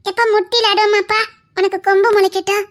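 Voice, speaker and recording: A very high-voiced consoling daughter. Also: female voice, level tone, fast talker. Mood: soothing. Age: young adult. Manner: soothing, pleading. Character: loving grown daughter consoling her father. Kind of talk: TV serial acting.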